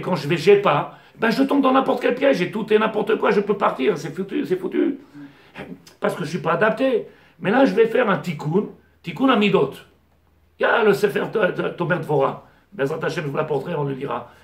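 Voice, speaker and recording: A man, a rabbi, giving a Torah class to a small audience, digressive, firing rhetorical questions at the class and mixing in Hebrew terms. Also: high voice. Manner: mixes Hebrew terms into French. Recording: echoey room.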